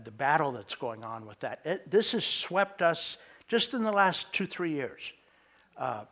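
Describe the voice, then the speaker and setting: A middle-aged man preaching a sermon as a pastor, conversational and halting, with many fillers and restarts. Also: medium pitch, fairly bright tone. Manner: acts out quoted voices in anecdotes.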